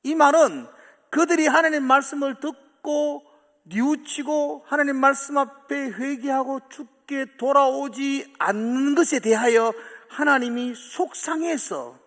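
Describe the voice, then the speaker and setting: A man preaching a sermon as pastor, animated, acting out quoted voices with sudden swings from loud to soft. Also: very high voice, measured pace. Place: church sanctuary. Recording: long church hall reverb.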